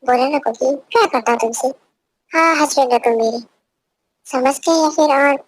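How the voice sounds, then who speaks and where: A woman's voice: high-pitched, moderate pace, no echo, natural voice. A young woman voicing a possessive, domineering young husband who gives orders in an amateur fan dub. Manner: commanding, repeats orders.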